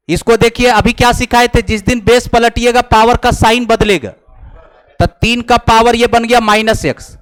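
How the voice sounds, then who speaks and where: Slow, high-voiced math teacher. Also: male voice, fairly bright tone, smooth. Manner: slow, teasing, mixing Hindi and English, chuckling asides. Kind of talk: classroom lecture. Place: coaching classroom.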